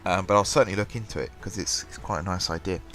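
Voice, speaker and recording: Stuffed up with a cold, a man hosting a gaming channel talks fast over his gameplay in a fairly low voice. He rambles along with plenty of ums and restarts while soft music plays faintly in the background.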